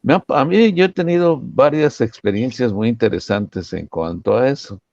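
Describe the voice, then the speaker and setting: Mid-pitched man, animated, asks "right?" often, muffled recording. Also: normal speed, vocal fry, no echo. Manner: lively, lots of rhetorical "¿no?" and "¿verdad?". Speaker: church member commenting. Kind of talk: religious discussion, storytelling.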